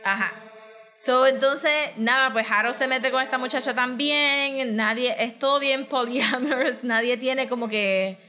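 A woman's voice: high-pitched, steady tone, unhurried, pushed and bright. A woman recapping a film in casual chat, mixing in English words, with lots of fillers and laughs.

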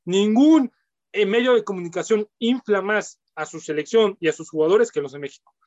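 A man's voice: high-pitched, moderate pace, darkish tone, no room sound. Blunt Mexican man, dull lo-fi sound. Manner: provocative, blunt, repeats his points. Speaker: football pundit. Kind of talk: heated sports debate.

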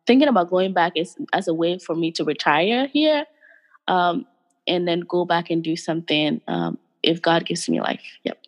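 A woman's voice: lowish voice, big pitch swings, moderate pace, long reverb tail. A woman who grew up in Ghana, a guest in an interview, speaking thoughtfully and earnestly with frequent fillers. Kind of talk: interview conversation.

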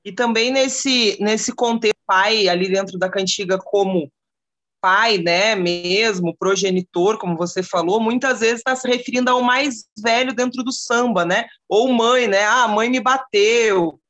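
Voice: mid-range voice, measured pace, fairly bright tone, dull audio. A speaker in casual conversation, thinking aloud hesitantly with many tag questions.

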